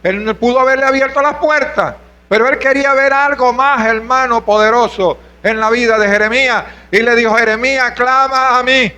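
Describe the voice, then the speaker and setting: A man's voice: extremely high pitch, steady tone, fairly quick, sharp tone, low-quality recording. A man from Venezuela preaching a sermon as pastor, asking rhetorical questions and calling out to the congregation. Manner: preaching with rhetorical questions, calls of hermano and aleluya.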